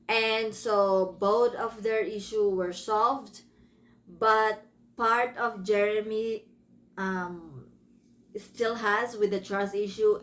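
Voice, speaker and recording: In a mid-range voice with a Filipino accent, a woman from the Philippines who speaks English as a second language reviews a book casually. Her retelling rambles, with self-corrections and side comments along the way, and a little hiss or hum can be heard.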